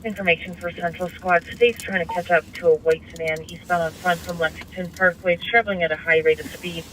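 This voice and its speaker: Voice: mid-range voice, steady tone, fairly quick, recorded from a distance. A police dispatcher reading formal bulletins over a police radio, picked up as dashcam audio. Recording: police radio heard in noisy car.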